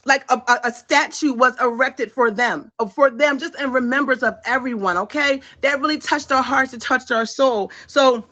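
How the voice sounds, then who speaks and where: A woman's voice: high-pitched, normal speed, hardly any pauses, bright, forceful tone. A woman hosting a casual livestream, hyping her audience and repeating phrases as she talks. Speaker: livestream host.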